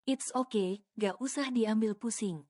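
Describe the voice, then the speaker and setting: A woman voicing a gentle, doting young male boss in a storybook reading, speaking softly and teasingly. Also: a little high, unhurried.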